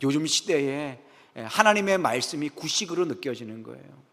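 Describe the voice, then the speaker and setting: A man's voice: on the high side, normal speed, gravelly. A man preaching a sermon as senior pastor. He keeps asking the congregation rhetorical questions and answers himself with "yes". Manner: rhetorical questions, frequent "예" affirmations, lively asides to the congregation. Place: church sanctuary, Friday prayer service. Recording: echoey church hall.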